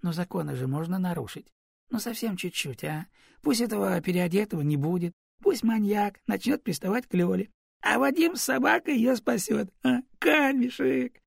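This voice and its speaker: Fussy storybook raven, high and wheedling, husky and gravelly, put on by a male reader. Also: expressive, normal speed, no echo, clean studio sound, full character voice. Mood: eager. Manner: high, whiny and pleading. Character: fussy, pleading, book-loving raven. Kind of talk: audiobook character voice.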